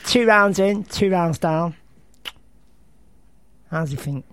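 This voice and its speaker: A middle-aged man from England with a Northern English accent, hoarse from a cold, grumbling and ranting as a co-host in a casual sports chat. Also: high-pitched, takes it slowly, fairly bright tone. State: has a cold, husky voice. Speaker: podcast co-host.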